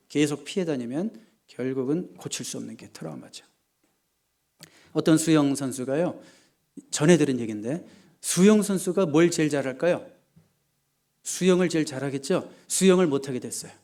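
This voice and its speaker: Lively preaching man, fairly high voice. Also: moderate pace, pauses often. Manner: lively, dramatic preaching with acted quotes and humor. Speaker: pastor. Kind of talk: sermon.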